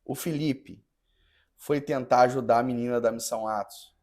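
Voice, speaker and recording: A man who is a parish priest, telling a story in a podcast conversation with an earnest, halting manner and many restarts. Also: mid-range voice, fairly even intonation, darkish tone.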